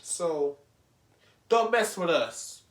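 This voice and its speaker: Animated man, echoey room. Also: fairly high pitch, drawn-out words. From Louisiana, US. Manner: slangy, animated, acts out imagined exchanges. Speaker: reaction video host. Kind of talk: casual reaction commentary.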